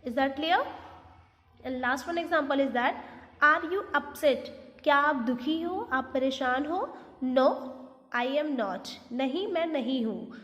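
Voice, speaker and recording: A woman teaching a grammar lesson online, switching between Hindi explanations and deliberate examples and often asking "Is that clear?". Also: high voice, a bit bright, big-room sound, lo-fi sound. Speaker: English teacher.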